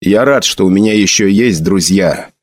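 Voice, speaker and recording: A man's voice: sits low, normal speed. A man voicing a haunted young nobleman, shaken and vengeful, speaking in a tense, trembling voice. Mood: grim.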